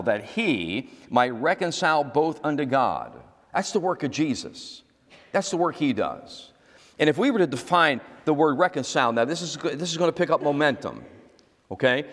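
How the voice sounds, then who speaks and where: A man's voice: mid-range voice, long reverb tail. A male pastor preaching a teaching sermon. He repeats key words and asks the congregation to answer him.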